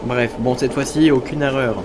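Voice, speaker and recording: A man's voice: medium pitch, steady tone, normal speed. Chatty French-speaking gamer man, noisy. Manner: chatty, self-mocking, talks to viewers. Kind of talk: casual let's-play commentary. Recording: noticeable background noise.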